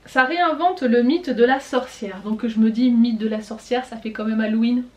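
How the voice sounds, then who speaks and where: A young book vlogger shares her seasonal reading list in a casual video, her voice a little high. She chats along with frequent pauses to check her notes.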